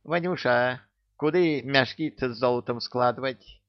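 A man's voice: medium pitch, measured pace, dull audio, voice pushed up, lightly acted. A man voicing a folksy, nosy old village granny with rustic speech, in an audiobook.

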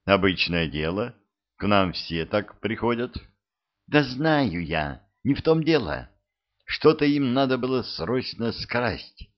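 A quick, indignant young woman thief, as a man puts her on in a raised girlish voice. Her talk bounces lively up and down. The recording sounds dull and lo-fi. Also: medium pitch, voice pushed up.

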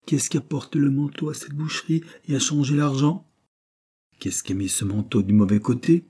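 A fierce, scheming young governess, as a man reads her out in an audiobook, her voice pushed well above his own. She speaks sharply and with menace, with a husky edge. The tone underneath stays dark. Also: medium pitch, moderate pace, pitched above the performer's own voice, natural voice. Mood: menacing. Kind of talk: audiobook reading.

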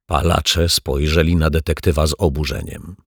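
A man reading a children's story aloud in a measured, deliberate narration. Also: extremely low pitch, steady tone, husky, no echo, studio quality. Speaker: audiobook narrator.

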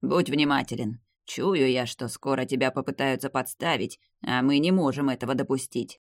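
A man reading the part of an old vampire clan head, the narrator's grandfather, in a grave, measured, weary manner. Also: mid-range voice, steady tone, no echo, clean studio sound, natural voice. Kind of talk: audiobook character reading.

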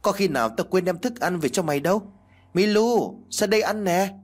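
A man's voice: sits high, lively intonation, moderate pace, pitched above the performer's own voice. A man voicing a carefree young male student in a storybook reading, calling out and coaxing. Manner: calling out loudly, then coaxing softly.

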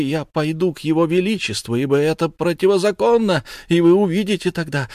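A man's voice: fairly high pitch, a little mellow, no echo, studio quality, pitched above the performer's own voice, close to an everyday voice. A man reading an audiobook voices a widowed peasant mother who wails and pleads desperately with the judges. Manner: wailing, sobbing cries and desperate pleas.

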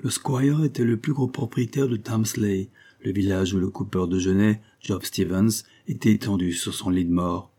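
A male reader narrates a classic tale at a measured, even pace. His voice is low and dark, with a husky grain that never clears. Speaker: audiobook reader. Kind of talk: scripted narration of a classic story.

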